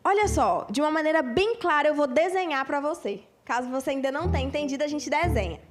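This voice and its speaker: High-voiced woman preaching. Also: fast talker. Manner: animated, acts out scenes, emphatic. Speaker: pastor. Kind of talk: lively stage preaching. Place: church stage before a congregation. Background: music.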